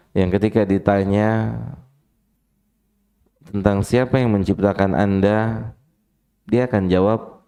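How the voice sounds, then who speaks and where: A man's voice: on the low side, creaky, mellow, smooth. A man giving a mosque study-circle sermon, chatty and keeps asking his listeners questions. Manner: conversational, keeps asking the men in the room. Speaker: preacher. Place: mosque hall.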